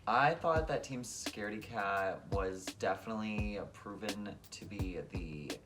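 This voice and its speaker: A man co-hosting a casual chat review, campy and animated, swearing freely as a drag queen. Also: on the low side, a little slow, loud music behind the voice. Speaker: podcast co-host, drag queen.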